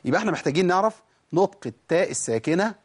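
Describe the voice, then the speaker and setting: Demonstrating pronunciation as he goes, a man with an Egyptian Arabic accent gives a tajweed lesson on Quran recitation rules, asking his own questions and then answering them. He speaks very fast in a high-pitched, breathy-edged voice with lively intonation.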